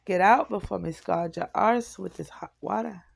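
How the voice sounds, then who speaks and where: A woman's voice: mid-range voice, normal speed, gravelly, slightly rough. A woman voicing a stern, scolding mother with a Caribbean accent in an audiobook reading. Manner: loud, bossy scolding. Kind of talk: audiobook character voice.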